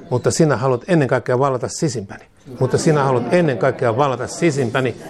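A man at a mid pitch leads his congregation through a spoken declaration, giving each prayer line in short, measured phrases. A crowd can be heard clearly behind him, repeating every line back in unison. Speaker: pastor. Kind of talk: sermon, leading a call-and-response declaration. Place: church service with a congregation. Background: congregation repeating lines aloud.

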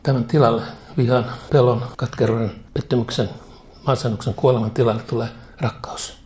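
A man's voice: medium pitch, steady tone, a little mellow. A man preaching a sermon, leading a spoken prayer that he repeats line by line, with fervent delivery and casual asides.

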